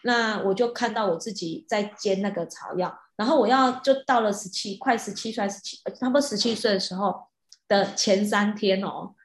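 A woman telling a personal story in a casual way. She is animated and often restarts her sentences, with soft fillers. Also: medium pitch, normal speed, slight background noise. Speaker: hypnotist. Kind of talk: casual storytelling of a past-life regression. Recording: roomy echo.

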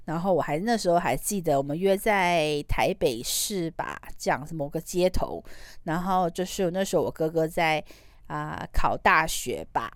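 A woman's voice: low-pitched, lively intonation, normal speed, no echo, studio quality. A woman with a Taiwanese Mandarin accent hosting a podcast, telling a personal story in a chatty, rambling way. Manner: chatty, rambling, trailing particles. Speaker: podcast host. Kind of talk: casual storytelling monologue.

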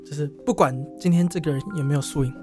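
A man's voice: a little high, fast, over music. A young man, a guest jazz musician explaining styles in an easygoing way. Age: young adult. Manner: explanatory, easygoing, demonstrates rhythms aloud. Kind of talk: casual chat.

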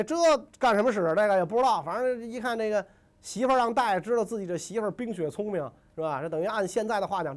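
A male storyteller, retelling old legends in a joking, conversational way. His voice sits high and leaps around, bouncing between asides to the listener. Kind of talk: comic history storytelling.

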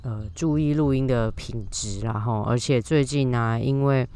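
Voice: medium pitch, moderate pace, warm tone, clear, resonant tone. Taiwanese Mandarin podcast host muffled by a face mask. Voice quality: slightly muffled, talking through a face mask. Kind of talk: casual solo podcast talk. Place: outdoors in a park. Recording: outdoor recording with faint background noise. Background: faint natural ambient sound.

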